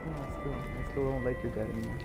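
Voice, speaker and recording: A man's voice: mid-range voice, steady tone, quick pace, gravelly, loud music behind the voice. A young man streaming a game, chatting casually and rambling with lots of swearing and fillers. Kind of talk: casual chat while streaming gameplay.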